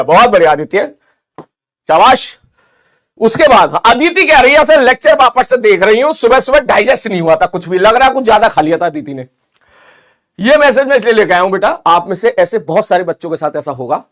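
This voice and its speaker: A man with an Indian accent teaching physics in a live online class, reading out student messages in a fast, chatty, encouraging way. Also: sits high, fairly bright tone.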